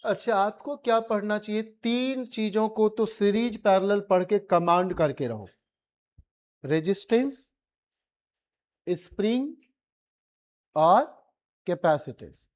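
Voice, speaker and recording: A man's voice: high-pitched, lively intonation, slow pace, pauses often. A male physics teacher with an Indian accent, giving a colloquial classroom revision lecture and pressing his students with repeated questions.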